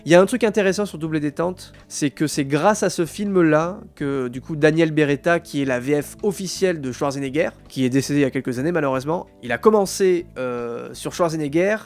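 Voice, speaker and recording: A man's voice: on the high side, brisk, few pauses. A man hosting a live stream, chatting casually about films and addressing his viewers with many fillers. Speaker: streamer host.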